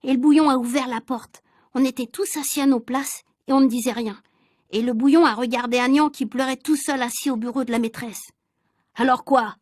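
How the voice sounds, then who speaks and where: A woman reads a children's storybook aloud, clear, measured and expressive, for shadowing practice. Her voice is high, and the recording is dry and close with no room sound. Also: dry recording. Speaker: reader.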